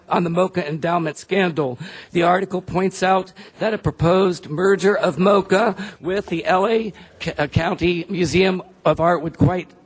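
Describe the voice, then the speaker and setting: A high-pitched man delivers prepared public comment in a formal, measured way. His voice is weak with post-nasal drip, and the sound is dry and close to echo-free. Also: husky. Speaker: public speaker at a council meeting.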